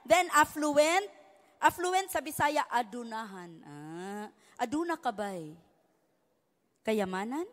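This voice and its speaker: A woman from the Philippines delivers a sermon in a bright, high voice, hopping between English and local tongues. She keeps checking in with the congregation by ending lines on "no?". Her words ring out with a long church-hall reverb. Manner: tags nearly every phrase with a questioning "no?". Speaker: preacher.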